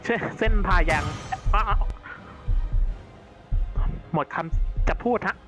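A man with a slightly high voice reacts as he plays and chats to his viewers in a lively, excitable way. Loud music plays behind him the whole time. He speaks politely and breaks into frequent exclamations. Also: slow. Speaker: VTuber gamer. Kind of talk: live gameplay commentary. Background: loud background music.

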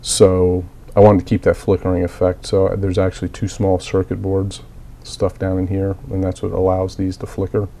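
A man with a low, mellow voice talks in a monotone at normal speed, barely pausing, with slight background noise. As a miniature hobbyist recovering from a cold, he coughs at times and methodically explains a hobby build in a plain, casual tutorial peppered with fillers.

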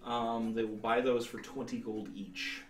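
A man's voice: medium pitch, little pitch movement, unhurried, a little hiss or hum. A man in his thirties narrating a tabletop role-playing game as game master, explaining things somewhat hesitantly. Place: indoor room, seated at a table. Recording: roomy sound, distant mic.

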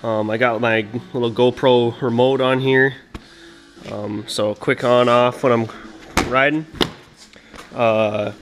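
A young man from Minnesota walking through the upgrades on his snowmobile in a garage workshop, talking casually with lots of fillers and recorded on a head-mounted action camera. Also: mid-range voice. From Minnesota, USA. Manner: relaxed and unhurried, many "uh" and "um" fillers. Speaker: snowmobile vlogger.

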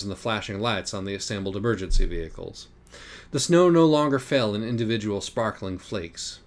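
A man narrating an audiobook in a deadpan manner. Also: lowish voice. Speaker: audiobook reader.

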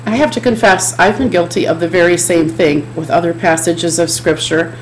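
A woman's voice: on the low side, fairly even intonation, moderate pace, a little hiss or hum, low-quality recording. Middle-aged woman preaching earnestly at a webcam. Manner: earnest, repetitive preaching cadence. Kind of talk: chapel sermon. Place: home office with bookshelves, indoors.

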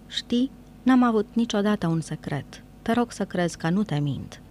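A woman voicing a gentle, earnest young woman speaking softly. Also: mid-range voice, expressive, slight background noise, close to an everyday voice. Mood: tender.

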